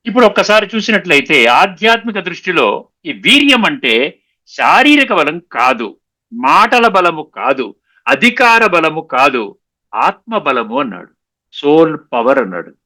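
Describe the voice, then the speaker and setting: Bright, lively-voiced man giving a spiritual discourse. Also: fairly high pitch, unhurried. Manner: explanatory, often checks "understood?" with listeners; mixes English words into his talk. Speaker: spiritual lecturer.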